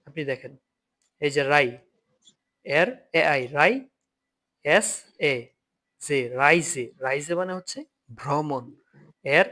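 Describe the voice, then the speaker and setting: A young man with a somewhat raised voice teaches German to Bengali speakers in an online class. He spells out letters slowly, repeats each word several times, and keeps checking that his listeners follow. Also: on the high side, a bit bright. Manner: explains patiently, repeats letters and words, checks with "ঠিক আছে?". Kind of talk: online language lesson.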